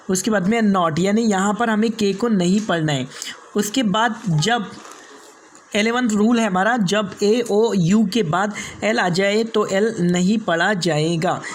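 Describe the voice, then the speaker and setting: A man's voice: high-pitched, a little hiss or hum. A man who hosts a teaching channel, giving a spoken lesson. He repeats each rule, asks and answers his own questions, and spells words out letter by letter. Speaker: English teacher and channel host.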